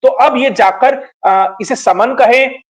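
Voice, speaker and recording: A man talks through political news for viewers. He explains things in a measured way and pauses often on fillers. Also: extremely high pitch. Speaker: commentator. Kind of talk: political commentary.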